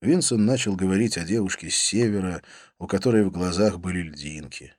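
A man narrating a novel in the first person, calm, with phrases falling low at the ends. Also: brisk, dry recording, studio quality. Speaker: audiobook narrator.

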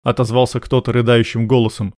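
Male audiobook reader, even and dry. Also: medium pitch, fairly quick, no room sound. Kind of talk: audiobook narration.

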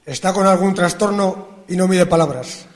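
An actor playing a self-righteous, aggrieved shopkeeper in a radio drama, scornful of the mob. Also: male voice, high-pitched, moderate pace, lightly acted. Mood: indignant. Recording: reverberant hall.

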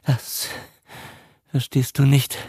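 A man's voice: mid-range voice, completely flat delivery, slow pace, mellow, husky, dry recording, clean studio sound, pitched above the performer's own voice. A man voicing a frightened, guilt-ridden old man past seventy who whispers and gasps his words in a dramatized audiobook. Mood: anguished. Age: over 70 (figure). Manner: trembling, whispering and gasping.

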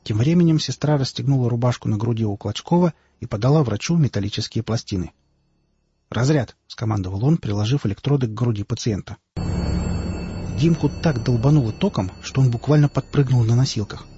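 A man narrating an audiobook in a steady storytelling voice. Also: mid-range voice, a little fast, background noise. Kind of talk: scripted narration. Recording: dull lo-fi audiobook, faint music.

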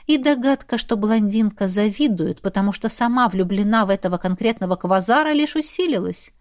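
A woman narrating a fantasy romance audiobook in first person, expressive and lively. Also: medium pitch, brisk.

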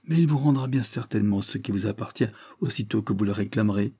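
A man's voice: fairly low pitch, fast talker, dark tone, breathy edge, no room sound, studio quality. A man voicing a flustered, humble male villager who pleads and defends himself. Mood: defensive.

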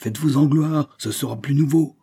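A man reading the part of a proud older countess in a rage: her voice is pushed up from a low, husky base into loud, wrathful bursts of scorn. The tone stays dark and heavy throughout. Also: fairly even intonation, normal speed. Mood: furious. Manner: shouting, scornful, wrathful tirades.

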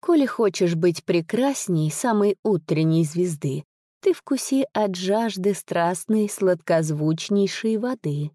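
A woman's voice: lowish voice, expressive, slow, mellow, no echo, clean studio sound. A woman voicing a wry, worldly lady who speaks in a knowing, lilting way in a storybook reading. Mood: musing.

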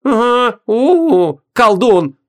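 Guy doing a cheeky young woman, high and bouncy, mocking her teacher, audiobook. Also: expressive, quick pace, a bit bright. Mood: teasing. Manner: teasing, indignant. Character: brash young woman, sharp-tongued apprentice.

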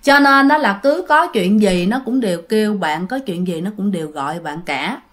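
A woman's voice: medium pitch, expressive, moderate pace, fairly bright tone. A woman hosting a channel and telling a ghost story in a chatty way, often speaking straight to her listeners. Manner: chatty, addresses listeners directly. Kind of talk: spoken ghost story narration.

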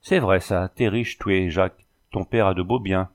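A man's voice: low voice, moderate pace. A man voicing a talkative, curious old widow in a storybook, folksy and pious in manner. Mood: chatty. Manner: loquacious, folksy.

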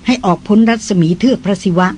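A reader doing a polite, reassuring jungle guide. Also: male voice, fast talker, darkish tone, lightly acted. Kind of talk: audiobook dialogue.

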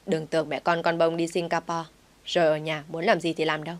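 A woman's voice: low voice, level tone, fairly quick, lightly acted. A woman reading an audio story, voicing a stern, nosy middle-aged aunt who speaks bluntly.

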